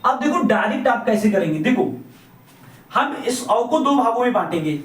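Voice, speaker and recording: High-voiced man teaching in an echoey room. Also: sing-song, normal speed. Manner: repeats points and asks the class questions, then answers them. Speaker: Hindi grammar teacher. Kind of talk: classroom lecture. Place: classroom or coaching room. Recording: echoey room, mic at a distance.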